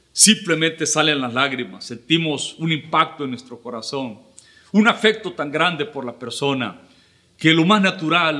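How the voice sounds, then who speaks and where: A middle-aged man, preaching an earnest, measured sermon with pauses as pastor. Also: a little high, sharp tone. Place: church livestream.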